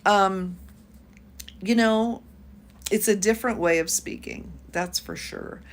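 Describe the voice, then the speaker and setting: Speaking slowly in a mid-range voice, this YouTube host, a woman from the United States in her fifties, keeps a casual livestream chat going. She's chatty and reads out viewer comments while she talks.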